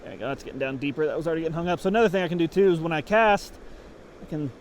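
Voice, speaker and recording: Fly fishing instructor, man, slightly high voice, casual outdoor demo with faint road noise. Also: racing. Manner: casual, explanatory, thinking aloud. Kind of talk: on-the-water instruction. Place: outdoors at a creek.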